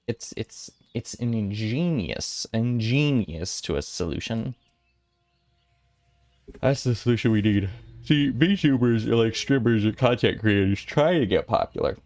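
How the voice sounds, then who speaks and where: A man's voice: mid-range voice, expressive, a little slow, darkish tone, no echo. A young man in his twenties chatting casually with viewers on a stream, rambling and playful with giggly asides. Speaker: VTuber streamer.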